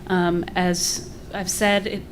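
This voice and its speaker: A woman's voice: on the low side, flat delivery, slow pace, slight background noise. A woman giving earnest, polite public remarks in a formal register, a little short of breath. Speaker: advocacy group director giving public comment. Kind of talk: prepared public remarks, partly off the cuff.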